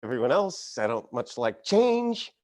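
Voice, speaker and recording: A man's voice: mid-range voice, big pitch swings, unhurried, darkish tone. A man from Connecticut hosting a late-night stream, talking casually and animatedly, often laughing between lines. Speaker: late-night show host. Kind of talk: casual monologue. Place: home studio, live stream.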